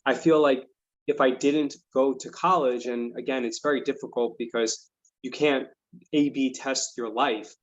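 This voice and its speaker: Middle-aged male host, mid-pitched, reflective and earnest, muffled lo-fi sound. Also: steady tone, unhurried. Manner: earnest, reflective, many "um" and "you know". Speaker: host of an investing channel. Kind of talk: casual interview chat. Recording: dull lo-fi audio.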